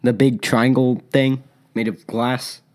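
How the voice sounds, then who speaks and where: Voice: mid-range voice, flat delivery, takes it slowly, a little mellow. A speaker giving casual, incredulous reaction commentary with wry asides over a cartoon.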